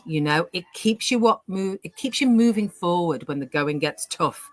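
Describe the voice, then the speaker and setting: Bright-voiced upbeat woman in her sixties. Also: medium pitch, no room sound. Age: 60s. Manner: enthusiastic, upbeat. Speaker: host. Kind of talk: live online panel hosting.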